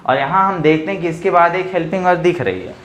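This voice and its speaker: A man teaching English grammar in a casual, chatty classroom style, reading English examples slowly and explaining them. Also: a little high, lively intonation, a bit bright, echoey room. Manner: chatty, addresses viewers as bhai and bhaiya.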